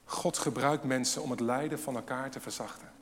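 A man preaching a sermon with emphasis, asking rhetorical questions and swinging between loud and hushed delivery. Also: medium pitch, steady tone, fairly quick. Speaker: pastor. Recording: long hall reverb.

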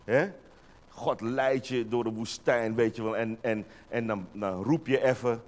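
A man preaching a lively sermon, acting out voices and calling out to the congregation. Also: medium pitch, measured pace. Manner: animated, acts out voices, calls to the congregation. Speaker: pastor.

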